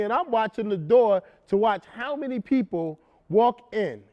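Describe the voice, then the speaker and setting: An actor performing a stage monologue, playing a man who retells a tense encounter in an animated, emphatic way and then turns into a brash, sarcastic talk show host. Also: sits high, lo-fi sound, close to an everyday voice. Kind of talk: theatrical monologue, stand-up-like storytelling.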